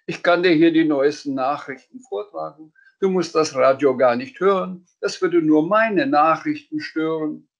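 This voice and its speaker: A man's voice: fairly high pitch, normal speed, creaky, few pauses, dull audio. A man doing a cheeky rhyming Sams creature. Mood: frech. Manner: cheeky, rhyming, sing-song. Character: frecher, kindlicher Sams, reimt ständig.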